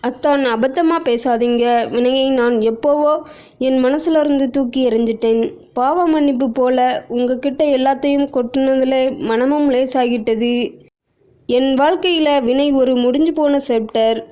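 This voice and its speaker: A woman's voice: high-pitched, steady tone, moderate pace, warm tone, lightly acted. A woman voicing a troubled young woman who pleads and reproaches herself. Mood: firm. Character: troubled young woman, guilt-ridden and emotional.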